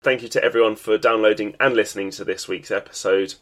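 A man's voice: fairly low pitch, fairly even intonation, fast talker, fairly bright tone. A man with a stuffy, nasal voice, chatting casually as the solo host of a football podcast, with plenty of ums and restarts.

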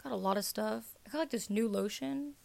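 A woman's voice: mid-range voice, brisk, creaky, darkish tone. A teenage girl hosting a casual rambling podcast, chatty and self-mocking, jumping between topics. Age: teens. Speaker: podcast host.

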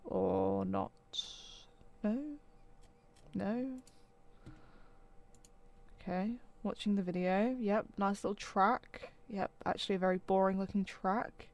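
A woman's voice: mid-range voice, fairly even intonation, measured pace, long pauses, muffled recording. A woman co-hosting a casual chat podcast, chatty and trailing off with ums, sometimes sounding sarcastic without meaning to. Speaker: podcast co-host.

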